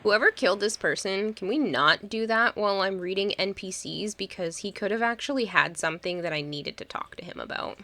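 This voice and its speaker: A woman's voice: mid-range voice, expressive, brisk, few pauses, bright, forceful tone, dry recording. A woman streaming a game, chatting casually with her viewers and reading out their comments, rambling along and laughing easily.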